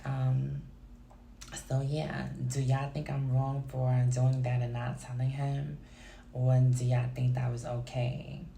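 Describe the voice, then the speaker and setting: Woman storyteller, low mellow voice, chatty and confiding, recorded in an echoey room. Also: flat delivery, slow, gravelly. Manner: chatty, confiding, addresses viewers directly. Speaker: storytime vlogger. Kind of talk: casual storytelling to viewers. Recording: echoey room with faint noise.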